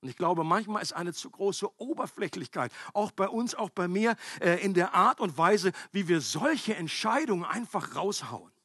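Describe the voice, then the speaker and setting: A man's voice: sits high, normal speed, hardly any pauses, husky, no room sound, studio quality. A man preaching a sermon in a conversational, emphatic way. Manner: conversational, emphatic preaching with animated acted-out quotes.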